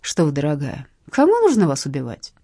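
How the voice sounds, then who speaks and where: A woman's voice: deep voice, huge pitch swings, fairly quick, warm tone, slightly rough, dry recording, studio quality, exaggerated voice. A woman voicing an elderly, courteous male blackmailer who speaks in a ceremonious, politely menacing way, in an audiobook. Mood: smoothly menacing. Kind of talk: audiobook narration.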